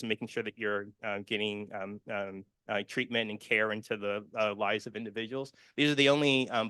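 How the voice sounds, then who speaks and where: Earnest man with a bright voice. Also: on the low side, dry recording. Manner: earnest and personal, many fillers and restarts. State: emotional, near tears. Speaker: conference speaker. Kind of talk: conference presentation with slides.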